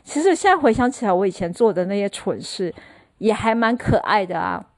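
A middle-aged woman hosting a casual solo podcast, telling stories in a chatty, animated way. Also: medium pitch, a little fast, dry recording. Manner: chatty, animated storyteller who mimics others. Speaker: podcast host.

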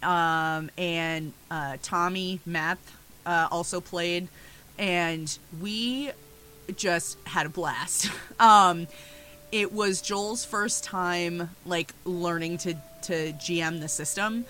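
A woman's voice: on the low side, slow pace, sharp tone, a little hiss or hum. A young woman co-hosting a podcast, telling a story in a chatty way with frequent laughs. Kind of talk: casual chat.

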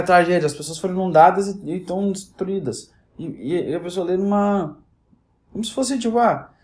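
Man, fairly high voice, casual rambling rant, animated delivery. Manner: animated, rambling, frequent restarts.

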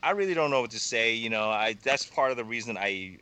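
Young male podcast guest, forceful bright tone, casual and meandering, lots of "you know". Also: medium pitch, expressive. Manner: rambling, halting, heavy fillers and swearing.

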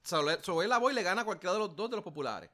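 Puerto Rican man, bright forceful tone, a bit high, casual slangy political chat. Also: expressive, fast talker. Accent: Puerto Rican Spanish. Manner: loose, slangy, rambling with restarts. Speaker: podcast co-host.

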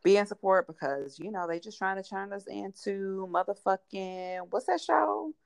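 A woman's voice: medium pitch, animated, moderate pace, gravelly, clear, resonant tone, dry recording, studio quality. A woman hosting a casual podcast, frank and colloquial with emphatic delivery. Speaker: podcast host.

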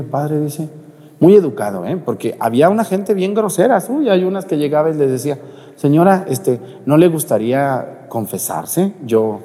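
A middle-aged Mexican-accented priest gives a sermon, telling stories and addressing the congregation directly. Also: male voice, mid-range voice, mellow. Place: church. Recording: reverberant church.

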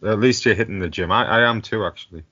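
A man with a smooth, monotone voice, co-hosting a casual podcast chat over an online call, laid-back and often chuckling. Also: fairly low pitch, quick pace, no room sound, dull audio. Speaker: podcast co-host. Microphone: online call mic.

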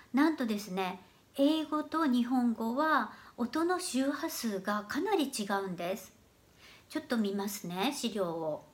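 A woman giving an earnest, explanatory lesson about learning English pronunciation. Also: on the high side. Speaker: English teacher. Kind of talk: educational talk to camera.

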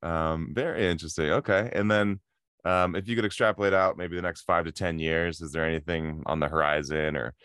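Male podcast host, resonant low voice, relaxed curious interviewer. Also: fairly quick, smooth, no room sound, studio quality. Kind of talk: casual interview. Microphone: video call.

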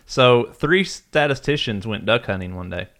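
A man co-hosting a casual podcast, self-deprecating and halting, telling nerdy jokes at a desk mic. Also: medium pitch, expressive, fairly bright tone. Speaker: podcast co-host. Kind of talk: casual chat.

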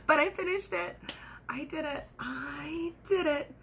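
A woman's voice: sits high, unhurried, creaky, pushed and bright, a little hiss or hum. A young woman vlogging at home with her cat, chatting casually in a rambling, giggly way and swearing now and then. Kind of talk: casual chat to the camera.

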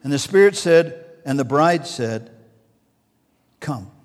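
A man preaching a sermon as pastor, swinging between soft and loud and repeating key words. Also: fairly high pitch, animated, slow, long reverb tail.

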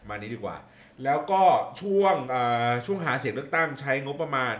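A man's voice: medium pitch, very animated, a little fast, fairly bright tone, echoey room. A man chatting casually about politics, hesitant and thinking aloud with many fillers. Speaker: political commentator guest.

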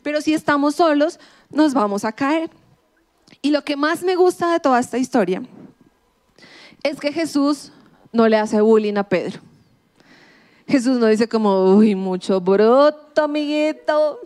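A young woman preaches to young people in a high voice. She is playful and chatty and keeps slipping into little acted-out voices to make her points. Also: measured pace, long pauses, a little mellow. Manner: playful, acts out quoted voices. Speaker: pastor. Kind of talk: lively youth sermon.

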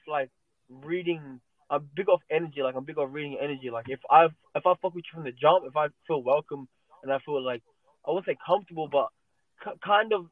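A man's voice: on the high side, no room sound. Man, 20s, Australian accent, rapper guest, casual profane chat, restarts words, tinny phone-like audio. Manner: loose, profane, repeats words while thinking. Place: in a car.

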